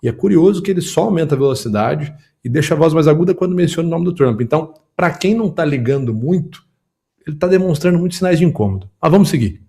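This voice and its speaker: A man hosting a political commentary show, breaking down clips quickly and emphatically for his viewers. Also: a little high, animated, vocal fry, dark tone. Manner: quick, emphatic, analytical, talks to the audience and production. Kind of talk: video commentary and analysis.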